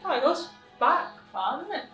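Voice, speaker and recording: Building her home gym in a bare-brick basement, a young personal trainer vlogs in a high, very animated, sharp-toned voice at a moderate pace, chatting, laughing and muttering swears. The lo-fi sound comes from a tripod camera far across the echoey room, with light music underneath.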